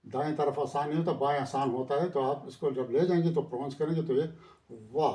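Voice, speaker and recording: A man's voice: on the high side, steady tone, mellow. A man teaching a pronunciation lesson. He says each letter over and over, writes on a board as he goes, and asks questions before he answers them. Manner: repeats each letter slowly, then explains; writes on a board while explaining. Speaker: Quran reading teacher. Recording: roomy echo.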